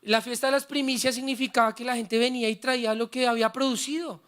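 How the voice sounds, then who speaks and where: A man's voice: extremely high pitch, fairly even intonation, quick pace, a bit bright. A man preaching a sermon as pastor, urging the congregation to repeat after him and sharing his own story with feeling. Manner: fervent, prompts the congregation to repeat words; personal and heartfelt storytelling.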